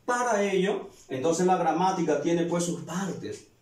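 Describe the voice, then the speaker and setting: A man's voice: high-pitched, animated, unhurried, a little mellow. A male teacher giving a grammar lesson to students, explaining step by step and asking questions he then answers. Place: classroom. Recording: echoey room, voice far from mic.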